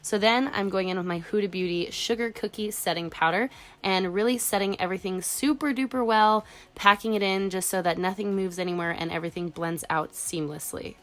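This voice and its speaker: A beauty vlogger in her twenties, congested from a cold, chats casually over a makeup tutorial voice-over. Her mid-range voice is brisk and a bit bright with fairly even intonation, and she says "like" a lot.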